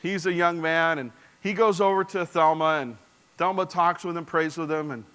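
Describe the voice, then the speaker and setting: A bright, forceful man in his forties preaching through a personal story. He speaks earnestly and slightly high, turns to the audience often, and falls to a near hush at the tender parts. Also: fairly even intonation, normal speed, clean tone. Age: 40s. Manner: earnest, drops to a soft hushed voice for tender moments; engages the audience directly. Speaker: speaker addressing a congregation. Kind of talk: storytelling sermon.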